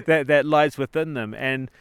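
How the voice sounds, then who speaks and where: A man's voice: on the high side, animated, takes it slowly, clean tone, no room sound. A man telling anecdotes casually, with jokey, matey, mildly sweary banter.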